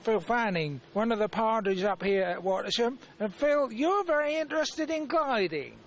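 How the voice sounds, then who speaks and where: A woman's voice: on the high side, animated, moderate pace. A woman, presenting and interviewing people on location in a chatty style. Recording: faint outdoor noise, vehicles nearby.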